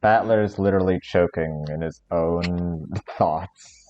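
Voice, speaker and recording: A man's voice: low voice, slow pace, muffled recording, soft background music. A man chatting casually and with amusement, swearing now and then, as he runs a game with a friend. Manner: amused, profane. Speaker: fan visual novel creator playing along. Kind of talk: casual joking chat during a game.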